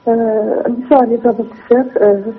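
A woman calling in with a question, hesitant and full of pauses. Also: on the high side, fairly even intonation, breathy edge. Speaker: caller. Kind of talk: phoned-in question. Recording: tinny phone line.

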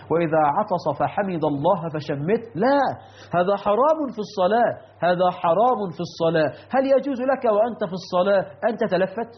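A man's voice: high voice, highs cut off. A man teaching a religious lesson, asking rhetorical questions and correcting common mistakes. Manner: instructive, rhetorical questions, mimics errors. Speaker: preacher.

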